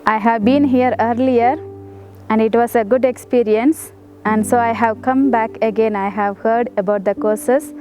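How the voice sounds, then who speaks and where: Woman, course participant, interview, simple, contented, raised pitch, music. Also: fairly even intonation, a little slow, darkish tone. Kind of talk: interview testimony.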